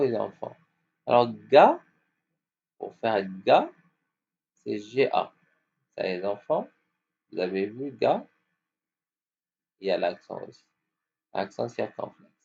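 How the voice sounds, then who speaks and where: Slow, gravelly man teaching phonics. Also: mid-range voice, mellow. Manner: slow, spelling out letters and sounds. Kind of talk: phonics lesson for children. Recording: dull lo-fi with faint hum.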